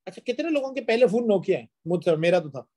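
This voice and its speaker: A man's voice: high voice, very animated, quick pace, dark tone, poor audio. A young male lecturer with a Pakistani Urdu accent talks to his class in a chatty way. He tells stories as he goes and mixes in English phrases. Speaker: teacher.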